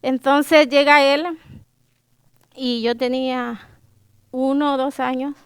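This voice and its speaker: A young woman with a Salvadoran accent recounts her life in a high, clear, smooth voice, speaking slowly. She hesitates often with fillers and restarts, emotional and fighting back tears. The sound is close and dry. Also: steady tone, no room sound. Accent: Salvadoran Spanish. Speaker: guest sharing her life story. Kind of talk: personal testimony.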